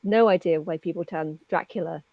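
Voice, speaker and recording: This co-host is a woman chatting casually during an interview through a dull lo-fi microphone. The recording is dry, and her voice is on the low side, moving at a fairly quick clip.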